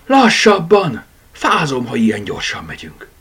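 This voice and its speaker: Man doing a breathy little girl. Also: wildly swooping pitch, fairly bright tone, full character voice. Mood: puzzled. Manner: high, breathy child voice. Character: small sleepy girl, bossy with her toys.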